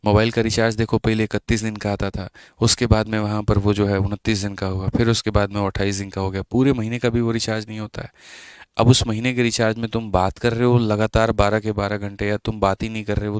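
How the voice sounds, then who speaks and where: A man's voice: fairly low pitch, level tone, brisk, clear, resonant tone, no echo. A man teaching maths in a live online exam-prep class, chatty and scolding his students, mixing English terms into his talk.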